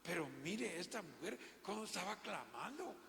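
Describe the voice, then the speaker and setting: A man with a Guatemalan accent preaching a fervent, halting sermon in a church hall and often calling his listeners brother. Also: high voice, sing-song, gravelly, fairly bright tone, slight background noise. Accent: Guatemalan Spanish.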